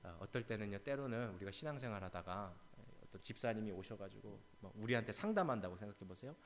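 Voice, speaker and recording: A male pastor giving an early-morning sermon, his pitch rising and falling in wide swings. He preaches with energy and acts out the people in his story. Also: fast talker, slight background noise. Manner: animated, acts out quotes dramatically.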